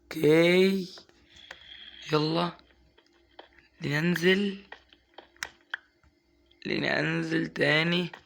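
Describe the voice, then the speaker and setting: A young man with an Egyptian Arabic accent giving casual gameplay commentary, coaxing and scolding his in-game pet and breaking into excited yelps. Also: on the high side, very slow, gravelly, pauses often. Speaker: gaming YouTuber.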